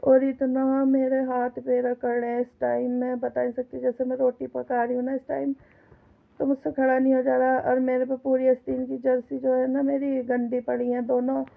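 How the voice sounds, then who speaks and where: Woman w a cough chatting away while making rotis, kinda highish and really monotone. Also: moderate pace, creaky. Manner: chatty, complaining, talks straight to viewers. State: sore throat with a cough. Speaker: home vlogger. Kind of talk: casual vlog chatter while cooking. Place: home kitchen. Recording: tinny phone-like sound.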